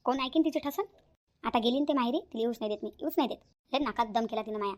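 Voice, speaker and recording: A woman's voice: fairly high pitch, racing, natural voice. A woman voicing a bossy, grumbling older village mother-in-law in a cartoon, speaking shrilly. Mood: fuming. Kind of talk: cartoon voice acting.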